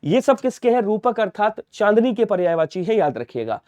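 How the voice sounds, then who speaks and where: A young man teaching a rapid-fire Hindi grammar lesson online, repeating words and answering his own questions for the students. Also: high-pitched, sing-song, darkish tone, no echo, muffled recording. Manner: repetitive drilling, asks then answers for students.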